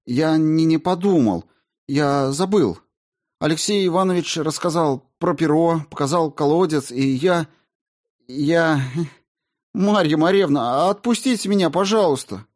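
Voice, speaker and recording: A man's voice: mid-range voice, steady tone, extremely slow, hardly any pauses, darkish tone, voice pushed up. A man reading an audiobook, voicing a frightened young boy who stammers and pleads. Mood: pleading, frightened. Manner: trembling, stammering pleas.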